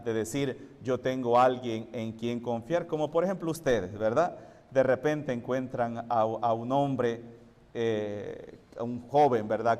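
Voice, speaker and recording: A man's voice: medium pitch, darkish tone, big-room sound. A priest preaching a sermon to his congregation, explaining and asking rhetorical questions.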